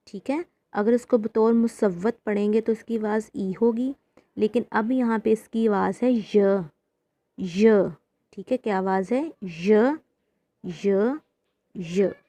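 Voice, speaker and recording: A woman with a Pakistani Urdu accent teaching a children's reading lesson, sounding out syllables slowly and repeating them. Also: mid-range voice, warm tone. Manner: slow, drawn-out syllable drills for children.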